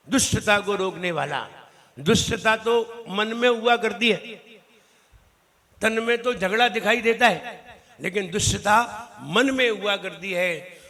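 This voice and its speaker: A male monk teaches a recitation class and corrects his students syllable by syllable. His voice is high and bright, and he speaks at an unhurried pace. The sound rings through a large temple hall with a long echo.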